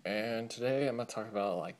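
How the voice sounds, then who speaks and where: A man's voice: lowish voice, fast talker. Rambling young man vlogging. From California. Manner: rambling, filler-heavy storytelling. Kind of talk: casual vlog.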